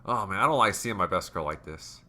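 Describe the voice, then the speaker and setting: A man's voice: low-pitched, animated, fairly quick, bright, forceful tone, soft background music. A man hosting a let's play, giving emotional, rambling commentary full of fillers. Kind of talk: game commentary.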